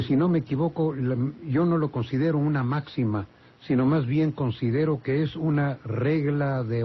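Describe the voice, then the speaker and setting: An older man with a Mexican accent explains words and accent rules for radio listeners. He speaks slowly and patiently, pausing and correcting himself as he goes. His voice is husky, and the broadcast sounds dull and lo-fi. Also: mid-range voice. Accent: Mexican Spanish. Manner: slow, explanatory, many hesitations and self-corrections. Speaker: language expert answering listener questions. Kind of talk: radio call-in chat.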